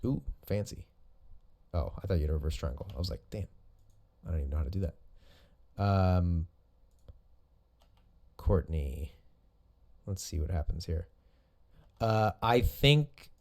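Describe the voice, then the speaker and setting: Man, casual video commentary, coaching jiu-jitsu, somewhat low voice, easygoing, self-correcting. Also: darkish tone.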